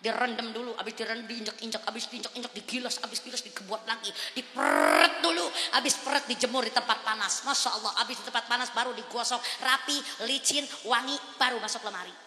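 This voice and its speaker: Animated high-voiced woman preacher, echoey hall. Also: fast, few pauses, a little hiss or hum. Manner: animated storytelling, asks audience "betul, Bu?". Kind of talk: lively humorous sermon. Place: prayer room before an audience.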